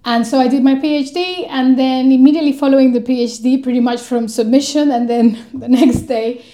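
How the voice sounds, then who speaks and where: A woman from Colombia with Spanish as her first language, speaking as a guest researcher in a podcast interview, measured and thoughtful with frequent pauses. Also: high voice, fairly even intonation, dark tone, reverberant.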